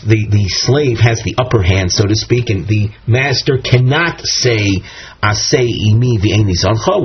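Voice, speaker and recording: With a medium-pitched voice carrying a breathy edge, a man leads a Talmud study lesson, explaining each step and citing phrases in Aramaic and Hebrew. The audio is dull and lo-fi.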